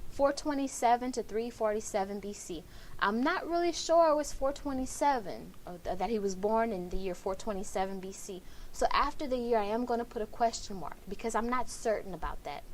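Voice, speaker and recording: A woman's voice: mid-range voice, slight background noise. A woman writing instructor giving a recorded online lecture, explaining step by step and repeating key points.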